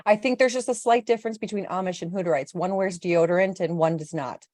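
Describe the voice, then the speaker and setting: A woman with a fairly low voice hosts a podcast in a relaxed, casual chat. She talks playfully with her guest. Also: no room sound. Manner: playful, quick to laugh. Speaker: podcast host.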